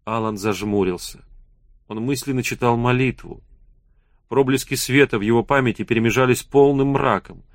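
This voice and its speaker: A man's voice: medium pitch, normal speed, no echo. Man reading an audiobook, dry close sound. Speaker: audiobook narrator. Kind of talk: scripted audiobook narration.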